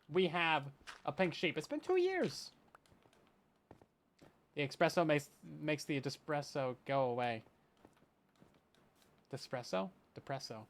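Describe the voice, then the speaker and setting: Giggly man streaming a game, lively. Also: a little high. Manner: giggly and playful, laughs often; chatty, talks to chat while playing. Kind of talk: casual live-stream gameplay commentary.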